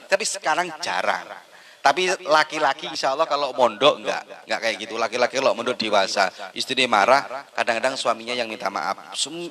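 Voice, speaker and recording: Pendakwah pria berlogat Jawa Timur, suara cerah, gaya ceramah jenaka yang hidup. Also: male voice, medium pitch, low-quality recording. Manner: lively storytelling, acts out wife and husband in dialogue; mixes Indonesian with Javanese phrases. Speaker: preacher. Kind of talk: humorous religious sermon.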